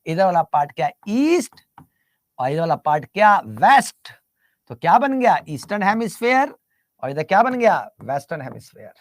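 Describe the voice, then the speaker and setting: A man's voice: high-pitched, sing-song, moderate pace, no room sound, studio quality. A male teacher lecturing a class, repeating terms and constantly asking the students to answer back. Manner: repetitive call-and-response questioning; teasing, mixes English terms into Hindi.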